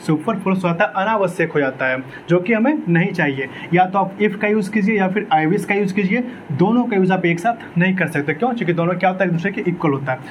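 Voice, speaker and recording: A man's voice: high-pitched, expressive, fast, a little hiss or hum, low-quality recording. A man teaching an exam-prep English grammar lecture, asking his own questions and answering them, repeating key words.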